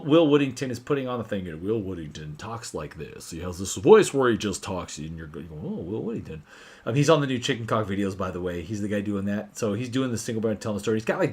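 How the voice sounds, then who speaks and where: A man hosting a casual whiskey livestream, animated and swearing freely as he tells stories. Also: mid-range voice.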